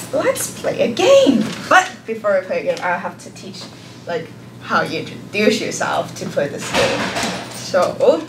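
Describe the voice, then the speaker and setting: A young Hong Kong woman whose first language is Cantonese volunteers as a teacher, leading a live beginner English class. Her mid-pitched voice is full of hesitations, ums and soft laughs. A far-off camera picks her up in a noisy, echoey classroom.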